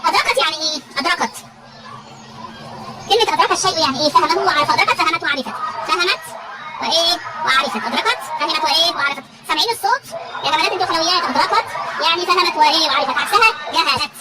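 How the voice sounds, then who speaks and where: A woman teacher with an Egyptian Arabic accent runs a classroom vocabulary drill, repeating every question so the students answer back. Her voice is high and her pace is very fast. A loud crowd and steady noise fill the background. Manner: repetitive call-and-response questioning.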